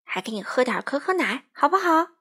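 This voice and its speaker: A chattering young crow from a picture book, high and quick to fuss, as a woman puts him on. He sounds eager to help and easily flustered, his voice leaping upward when he frets. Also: full character voice. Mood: anxious pleading. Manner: excited, pleading, chattering.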